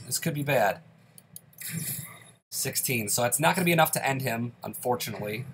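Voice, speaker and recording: A man with a stuffy, congested voice gives let's play commentary from the host's seat. His pitch sits in the middle for a man. He chats steadily through each move as he plays, with a little faint noise in the background. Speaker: gaming channel host.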